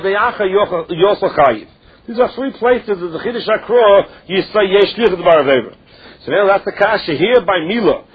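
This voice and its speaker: Male Talmud teacher, high husky voice, Yiddish-influenced accent, question-and-answer explaining, lo-fi sound. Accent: Yiddish-influenced English. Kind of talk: religious text lesson, reading and explaining. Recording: dull lo-fi recording.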